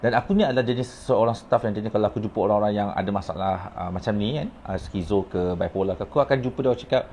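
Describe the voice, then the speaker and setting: A man's voice: lowish voice, fast, few pauses, a little mellow, a little hiss or hum. A man, a rehab counselor telling stories about his clients in a casual, rambling way, dropping in English words. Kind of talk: casual storytelling vlog.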